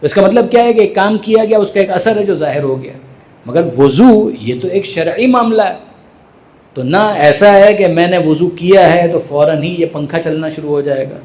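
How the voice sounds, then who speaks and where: A man's voice: sits high, a little mellow. A man with a Pakistani Urdu accent giving a sermon in a mosque hall, posing rhetorical questions and using everyday examples. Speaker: Shia cleric giving a majlis sermon.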